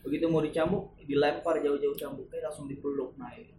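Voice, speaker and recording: A man's voice: a little high, a little fast. A man retelling a religious story in casual chat, acting out the quoted speakers. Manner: animated, acts out quoted speakers. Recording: echoey room with background noise.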